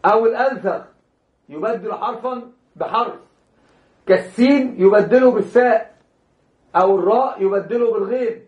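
A man's voice: high-pitched, moderate pace, long pauses. A man teaching Islamic law in a classroom lecture, repeating and restarting words and speaking straight to his students. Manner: addresses students directly, chuckles now and then. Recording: roomy, dull lo-fi lecture recording.

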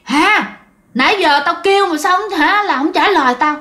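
A woman voicing an unseen male ghost that taunts people over a walkie-talkie in a told ghost story, rough and mocking. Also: very high voice, normal speed, bright, forceful tone, voice pushed up. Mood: taunting.

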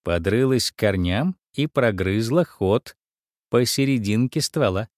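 A man narrating a children's storybook in an expressive, sing-song way. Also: fairly low pitch, unhurried, dry recording, clean studio sound. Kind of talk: storybook reading.

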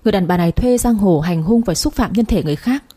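A woman's voice: medium pitch, animated, fast, dark tone, husky. A woman voicing a protective young wife who calls out urgently and pleads.

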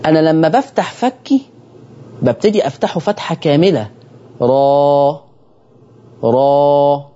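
A man's voice: a little high, very animated, fairly quick, mellow, slightly rough, highs cut off. A man with an Egyptian accent teaching Quran recitation on a broadcast lesson, speaking straight to his listeners and repeating key phrases.

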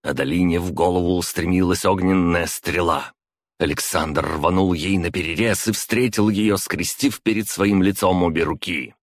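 Deep male narrator, measured fantasy reading, close dry mic. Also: steady tone, no room sound. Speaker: audiobook narrator.

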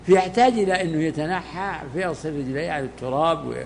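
An older man, a sheikh, explaining a classical text to students in unhurried, halting commentary. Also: a little high. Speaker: sheikh teaching a hadith text. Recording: hall reverb, faint background noise.

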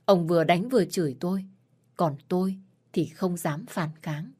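A woman's voice: fairly low pitch, moderate pace, mellow, slightly rough. A woman narrating a sad first-person story with an emotional delivery. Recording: faint background music.

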